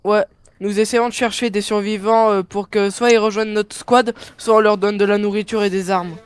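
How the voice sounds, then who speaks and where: A man with a high-sitting voice, little pitch movement and normal speed improvises hesitantly in a zombie survival game roleplay. As a player, he voices a police squad survivor talking over the radio.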